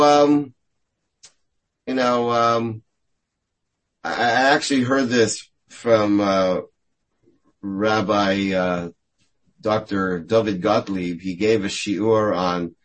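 A man's voice: mid-range voice, low-quality recording. Thoughtful man speaking on faith. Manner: thoughtful, repeats words while searching for phrasing. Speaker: guest speaker answering questions on faith. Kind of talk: reflective spiritual talk.

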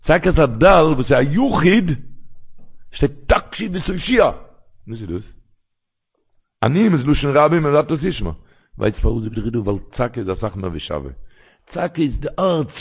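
A man's voice: mid-range voice, gravelly. A man telling religious stories in a rambling way, repeating his phrases. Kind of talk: storytelling religious talk. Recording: tinny phone-line sound.

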